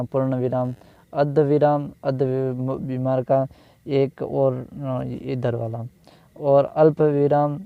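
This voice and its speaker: A man teaching a grammar lesson, repeating each phrase and pausing to think with restarts. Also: medium pitch, clean tone, no echo. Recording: dull lo-fi dry recording.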